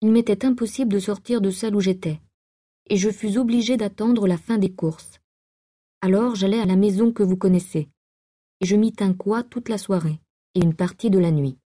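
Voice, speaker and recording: A woman narrating a classic novel aloud in a measured, even reading style. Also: medium pitch. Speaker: audiobook reader. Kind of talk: literary audiobook narration.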